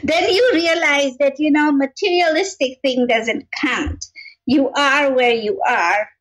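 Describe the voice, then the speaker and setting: A woman in her fifties, originally from Kenya, speaks with a notably high voice. She tells her story in an earnest, reflective manner as an interview guest. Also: slow, a bit bright, rough recording. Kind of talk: interview conversation.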